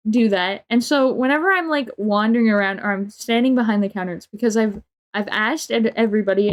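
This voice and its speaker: Exasperated young woman ranting casually. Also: fairly high pitch. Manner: exasperated, profane, heavy on filler words. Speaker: livestreamer. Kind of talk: casual storytelling rant.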